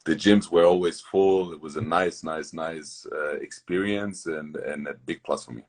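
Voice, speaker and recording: A young man from Germany, a basketball player, telling stories fast in loose, broken English as an interview guest. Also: a bass voice, steady tone, breathy edge. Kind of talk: casual interview storytelling.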